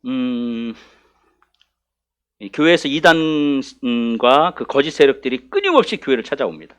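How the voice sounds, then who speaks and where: A man's voice: mid-range voice, big pitch swings, unhurried, a bit bright, clear, resonant tone. A male pastor giving a conversational afternoon Bible study sermon in church, often putting questions to the congregation.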